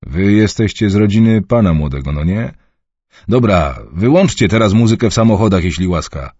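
Man doing a brusque, grumbling sound guy, low and husky, on a dull muffled recording. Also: animated, moderate pace, a little mellow, no room sound. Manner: brusque, complaining. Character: irritated middle-aged male sound technician.

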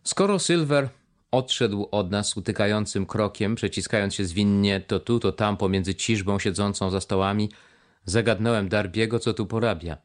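An audiobook narrator with a fairly low voice reads a scripted adventure novel, keeping a measured, even storytelling manner.

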